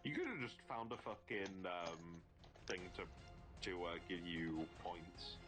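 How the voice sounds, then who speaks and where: Male co-host, lowish voice, teasing and sweary, clear game music behind. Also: lively intonation, measured pace. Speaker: co-streamer. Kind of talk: casual live-stream chat.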